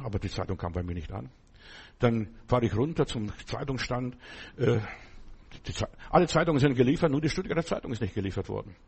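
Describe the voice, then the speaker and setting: A male pastor preaching a sermon, animated, swinging between loud bursts and low asides. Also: breathy edge.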